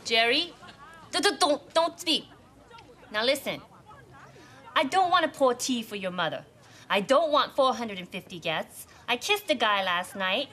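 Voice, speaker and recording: Feisty, high-voiced sitcom bride-to-be. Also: female voice, expressive, unhurried, long pauses, bright, forceful tone. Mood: agitated. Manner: emphatic, indignant. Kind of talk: multi-camera sitcom acting. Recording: studio audience behind dialogue.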